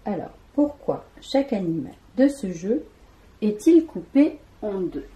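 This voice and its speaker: A woman teacher giving an early reading lesson to young children, sounding out syllables one by one in a slow and deliberate way. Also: mid-range voice, big pitch swings, warm tone. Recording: echoey room.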